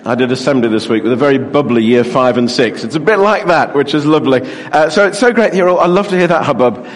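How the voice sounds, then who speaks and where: A middle-aged man preaching an interactive sermon as pastor, lively and joking as he draws in the congregation. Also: mid-range voice, quick pace. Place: large church with long reverb. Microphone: handheld microphone. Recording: echoey church hall reverb.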